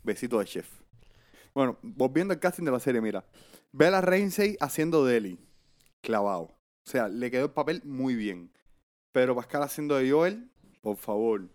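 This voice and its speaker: A man co-hosting a casual podcast, talking fast and excitedly. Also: mid-range voice. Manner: rapid, excitable, says "papá" a lot. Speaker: podcast co-host. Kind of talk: casual chat.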